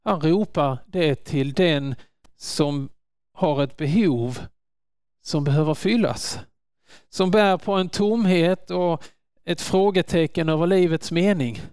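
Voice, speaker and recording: A man preaching a sermon in an earnest manner, rising to loud calls when quoting. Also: fairly high pitch, smooth, dry recording, clean studio sound.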